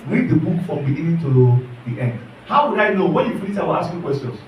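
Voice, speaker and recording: A man teaches an online class in an earnest, repetitive way, repeating phrases and often asking his listeners questions to check in. His voice is fairly high with big pitch swings and a fast pace, and the audio sounds dull. He's recorded from far off in an echoey room.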